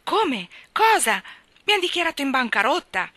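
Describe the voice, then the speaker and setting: A woman reading the part of an ailing, proud miller who is gruff and quickly angered. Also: sits high, sing-song, bright, forceful tone, no echo, pitched above the performer's own voice, full character voice. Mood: agitated. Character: ailing middle-aged male miller, proud, irritable. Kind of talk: audiobook character reading.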